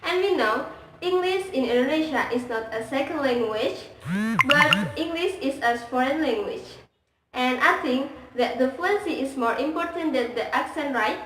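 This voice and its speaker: A woman's voice: high-pitched, lively intonation, moderate pace. A young woman, a university student, giving a class presentation in earnest, simple phrasing. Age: young adult. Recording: echoey room from far off, faint background noise.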